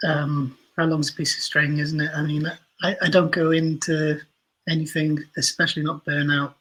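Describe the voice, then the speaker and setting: A man with a fairly high, bright voice speaks flatly at a moderate pace on a low-quality recording. As an interview guest who writes and produces audio dramas, he chats casually and explains things thoughtfully, with a self-deprecating streak.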